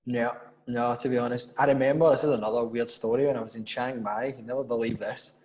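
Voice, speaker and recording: A man's voice: mid-range voice, fairly even intonation, quick pace, a little mellow, low-quality recording. A young man with a Glaswegian accent, a guest on a casual podcast, telling rambling stories, swearing freely and laughing often. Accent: Glaswegian Scottish. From Scotland.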